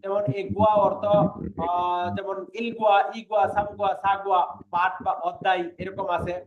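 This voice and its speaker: A man teaching an online language class, patiently repeating words slowly for his students. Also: sits high, flat delivery. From Bangladesh. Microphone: online class call audio. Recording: echoey, muffled, noisy online class audio.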